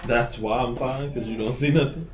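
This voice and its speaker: A man's voice: mid-range voice, steady tone, normal speed, noisy background. A man bantering casually as a player in a tabletop game.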